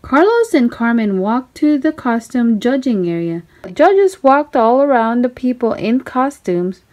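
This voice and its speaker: Reading a children's storybook aloud, a woman with a fairly high voice narrates expressively and deliberately.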